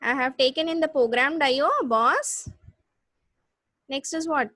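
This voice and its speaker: A woman with a South Indian accent teaching a live online class, explaining step by step with repeats and halting restarts. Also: high voice, bright, forceful tone, no echo, studio quality. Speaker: computer science lecturer. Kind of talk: live online lesson with check questions.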